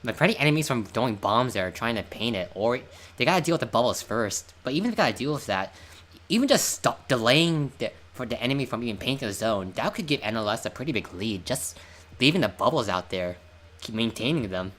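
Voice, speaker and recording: A man's voice: medium pitch, lively intonation, fast talker, a bit bright. Male caster, loose chatty delivery, trips over his words, voice chat. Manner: chatty, stumbling restarts. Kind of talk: casual esports commentary.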